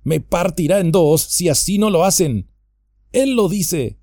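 A man voicing a trapped young male hobbit who begs and shouts desperately, in an audiobook reading. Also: high-pitched, animated, unhurried, no echo, clean studio sound, pitched above the performer's own voice, full character voice. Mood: pleading. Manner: pleading, shouting.

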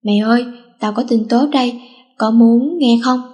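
A lively teenage girl, as a woman reader puts her on, brisk and bossy with her best friend. The voice sits fairly high. She belongs to a storybook read aloud. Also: close to an everyday voice.

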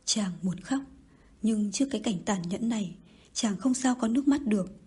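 A woman narrating an audiobook in a soft, at times whispery delivery. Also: mid-range voice, moderate pace, husky.

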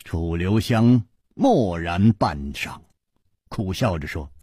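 A man narrating a traditional story with dramatic, measured delivery. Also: low voice, expressive, mellow, husky, no echo, clean studio sound.

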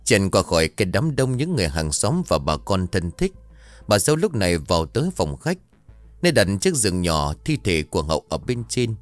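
Male storyteller, ghost story narration, lively pitch, lowish voice, faint music behind. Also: fairly quick, no echo. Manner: dramatic, expressive storytelling.

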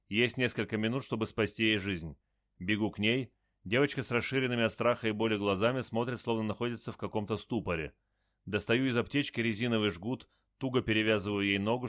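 A man narrates a first-person adventure story in short, matter-of-fact sentences. His voice sits low and the recording is dry and close, with no room sound. The delivery is terse and steady. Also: dry recording.

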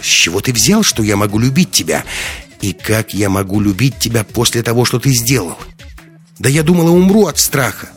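A man reading an audiobook, voicing a frightened, furious young woman held captive, with shrill shouting outbursts. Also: sing-song, a little slow, gravelly, few pauses, faint music behind, full character voice. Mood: hysterical.

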